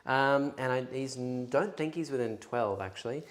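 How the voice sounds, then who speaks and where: Streaming a tabletop wargame battle report, a man chats casually as he measures, explaining his rules and moves out loud. He speaks in a mid-range voice at normal speed.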